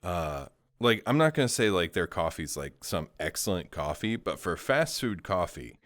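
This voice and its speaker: A man's voice: low voice, very animated, normal speed, fairly bright tone, no echo, studio quality. A man hosting a casual chat show, rambling and cracking sarcastic jokes. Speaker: show host.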